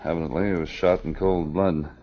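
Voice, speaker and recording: An actor playing a steady, courteous, shrewd Mountie sergeant in an old-time radio drama. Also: male voice, sits low, fairly quick, lightly acted. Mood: focused. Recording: dull, noisy old radio recording.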